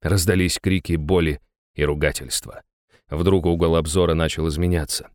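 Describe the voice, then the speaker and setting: Deep-voiced male audiobook narrator. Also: fairly even intonation, normal speed, no room sound, clean studio sound. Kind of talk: first-person fantasy audiobook narration.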